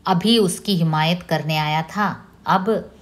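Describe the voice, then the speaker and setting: This is an angry mother in a novel, scolding and stressing each word, read aloud by a woman. Her voice sits low, and the reading moves slowly.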